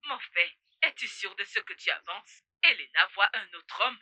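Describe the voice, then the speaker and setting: An actress voicing a mother who urges her grown son to calm down, in a dubbed drama. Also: medium pitch, normal speed, no room sound. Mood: admonishing. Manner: calm, admonishing.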